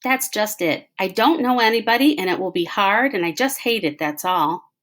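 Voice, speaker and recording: A woman's voice: mid-range voice, expressive, moderate pace, fairly bright tone, pitched above the performer's own voice, close to an everyday voice. A stubborn, nervous storybook heroine, voiced by a woman reader, whining and protesting. Her voice lifts above ordinary talk as she digs in her heels. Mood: stubborn, whiny. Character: reluctant, whiny, anxious woman dreading her new school.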